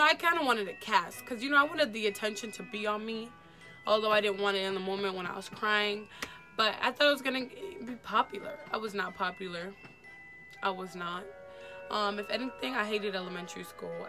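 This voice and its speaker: A woman's voice: mid-range voice, pushed and bright. A young adult woman telling a personal story in a casual, slangy way and addressing viewers as y'all. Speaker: vlogger.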